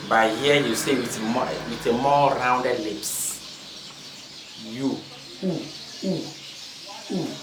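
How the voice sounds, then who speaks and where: A man teaching in a slow, deliberate textbook pronunciation style, repeating isolated sounds and example words one at a time. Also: mid-range voice, steady tone. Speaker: French teacher. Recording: echoey room with faint noise, birdsong.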